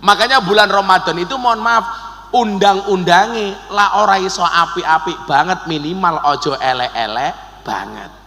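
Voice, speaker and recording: A middle-aged man with a Javanese accent preaching a humorous sermon to a congregation, joking and chanting verses slowly. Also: high-pitched, sharp tone. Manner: jokey, switches between Indonesian and Javanese, chants verses slowly. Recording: long hall reverb.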